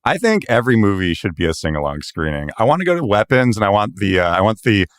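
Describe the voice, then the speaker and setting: A man's voice: lowish voice, sing-song, quick pace, no echo. Enthusiastic podcast guest guy, bouncy voice, giggling a lot, dry close sound. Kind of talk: casual comedic chat.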